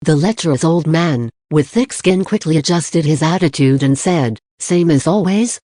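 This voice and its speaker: A narrator reading a fantasy novel aloud in a steady, plain storytelling manner. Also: medium pitch, moderate pace, no room sound, clean studio sound. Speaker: audiobook narrator. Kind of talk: audiobook narration.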